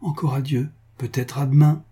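A man reading the part of an anxious young woman in love, speaking in a hurried, tearful way. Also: medium pitch, flat delivery, dark tone, husky, voice pushed up, lightly acted. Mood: hurried tender.

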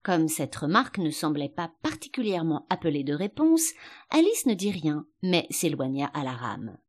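A woman narrating a storybook in a measured, expressive reading. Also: sits low. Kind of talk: scripted audiobook narration.

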